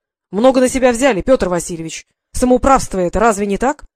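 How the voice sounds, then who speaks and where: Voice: mid-range voice, fast talker, no room sound, lightly acted. A reader voicing a stern, powerful elderly male general who scolds and commands with sarcasm. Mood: angry scolding. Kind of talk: audiobook character voice.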